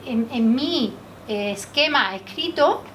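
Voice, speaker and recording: A woman from Spain leading a public speaking workshop in a training room, lively and quizzing the group with questions. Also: on the high side, takes it slowly. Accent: Spanish from Spain. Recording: distant mic, faint background noise.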